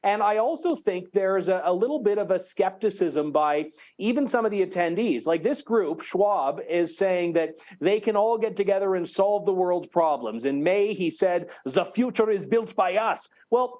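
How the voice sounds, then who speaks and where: A man's voice: high-pitched, animated, moderate pace, hardly any pauses, darkish tone. A man, a journalist, joining an interview remotely and answering in a dry, wry, matter-of-fact way. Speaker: journalist guest.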